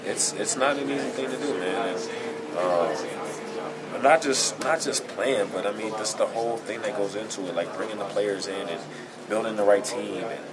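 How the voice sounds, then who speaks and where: A man in his twenties answering questions in a casual interview, informal and halting as he thinks aloud. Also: on the low side. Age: 20s. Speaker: basketball player being interviewed. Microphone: handheld camera and recorders held near. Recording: loud crowd chatter behind the voice.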